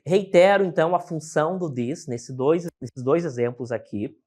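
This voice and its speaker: A man's voice: on the high side, normal speed, darkish tone. A Brazilian man teaching an English lesson. He explains step by step and keeps checking in with short tag questions. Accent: Brazilian Portuguese.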